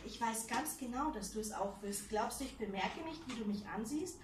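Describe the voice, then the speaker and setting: A woman voicing a scheming, seductive female assistant in a coaxing, breathy manner, read aloud live from a novel. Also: a little high, expressive, moderate pace, natural voice. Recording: roomy, distant mic, faint noise.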